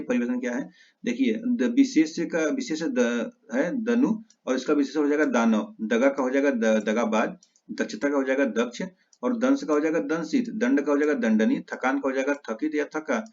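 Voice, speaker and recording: A male teacher giving an exam-prep lesson, reciting word pairs in quick lists and correcting his own slips. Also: medium pitch, darkish tone. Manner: rapid list recitation with self-corrections. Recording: slightly dull lo-fi audio.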